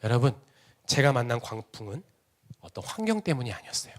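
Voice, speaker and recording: A man preaching an emotional Sunday sermon in a church, swinging between loud exclamations and hushed whispers. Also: medium pitch, very animated, brisk. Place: church sanctuary.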